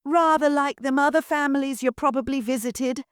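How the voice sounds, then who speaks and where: A woman's voice: high-pitched, moderate pace, no echo, studio quality, voice pushed up, lightly acted. A woman doing a blunt suspicious housemaid. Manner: blunt, dialect-heavy, grumbling. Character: blunt suspicious young housemaid, working-class.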